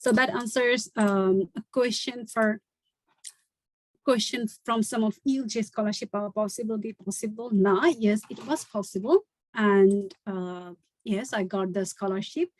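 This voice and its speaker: This guest speaker talks fast in a medium-pitched, darkish voice, and the video-call audio is poor. She's a Bangladeshi woman in her late twenties giving a sincere online talk, mixing Bangla and English within her sentences.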